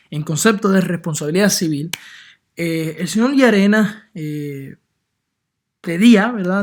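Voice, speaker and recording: A man's voice: high voice, darkish tone. A man from Puerto Rico with a Puerto Rican Spanish accent, giving an earnest opinion monologue full of hesitations and filler sounds. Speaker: political commentator.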